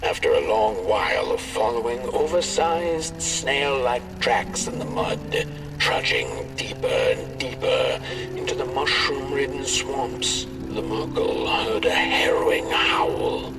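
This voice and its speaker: A man narrating a dark fairy-tale game in a slow, measured storybook manner. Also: mid-range voice, sing-song, vocal fry. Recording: game audio heard from a distance over music.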